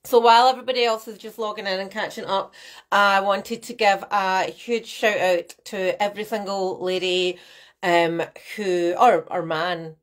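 Speaking at medium pitch and a moderate pace, a woman who coaches nutrition runs a live masterclass for viewers from a small home room. She talks into her laptop webcam mic, chatting animatedly, gesturing often and welcoming viewers by name.

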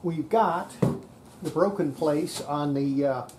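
An older radio repairer takes it slowly in a mid-range voice, chatting casually and folksily as he presents a restoration at his indoor workbench. The workshop camera audio is noisy, with clicks.

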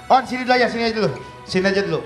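A man's voice: sits high, rapid-fire, over music. A man hosting a comedy stage show, teasing and joking as he calls people up.

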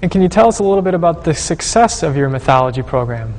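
A man's voice: a little high, animated, fast talker, darkish tone, in a large hall. A man in his thirties hosting an interview, asking prepared questions politely. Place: studio room before plain wall.

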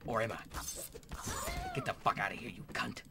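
Young male gaming YouTuber, low-ish voice, crude joking commentary, swears a lot, whispered asides, keyboard clicks in the background. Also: moderate pace, gravelly, heavy background noise. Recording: keyboard clicks and typing behind voice.

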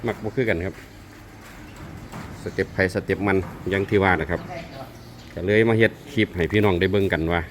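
A man's voice: sits low, steady tone, fairly quick, long pauses, a little hiss or hum. A man with an Isan accent chatting casually in a rambling vlog update to his viewers. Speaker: owner of a mobile sound truck band.

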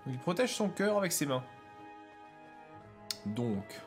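A young man narrating his own gameplay in a loose, casual way. He talks in a fairly high voice that leaps up and down, breaking into shouts and yelps whenever the game goes wrong. Soft game music plays underneath. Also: big pitch swings, slow pace. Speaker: let's play streamer. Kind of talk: casual gaming commentary.

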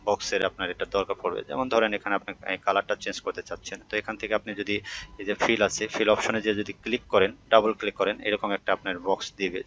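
Male tutorial instructor, low voice, quick conversational delivery, muffled home recording. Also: a bit bright, slight background noise. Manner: conversational, many hesitation fillers, addresses viewer directly. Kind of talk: screen-recorded software tutorial.

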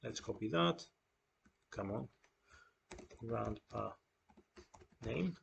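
A young man calmly walking through a software tutorial step by step, with frequent fillers and restarts. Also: lowish voice, creaky, muffled recording, a little hiss or hum. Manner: unhurried, explaining step by step with many fillers and restarts. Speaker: data engineering tutor. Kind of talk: screen-share tutorial walkthrough.

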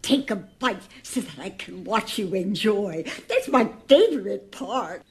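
Man playing a doting older mother, soft, high, slow, lively pitch.

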